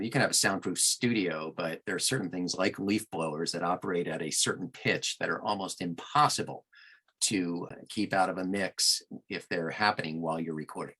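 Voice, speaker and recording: A middle-aged man from Long Island, New York, in the United States, speaks in a low, pushed, bright voice. He works as an audiobook producer and is telling stories conversationally while appearing as a guest on a podcast interview.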